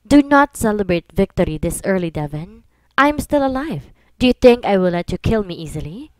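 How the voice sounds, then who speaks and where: A woman's voice: medium pitch, big pitch swings, moderate pace, darkish tone, no echo, close to an everyday voice. A woman voicing a vengeful male mafia rival who threatens in a taunting manner.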